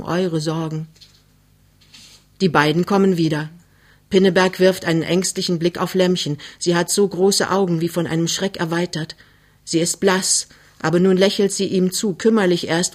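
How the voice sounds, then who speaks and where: A narrator reading a novel aloud in an even, measured storytelling manner. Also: medium pitch. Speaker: audiobook narrator. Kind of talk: literary audiobook reading.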